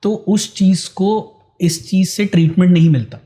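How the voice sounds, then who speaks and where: A man, an ENT doctor, calmly answering interview questions and mixing Hindi with English phrases. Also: sits high, moderate pace.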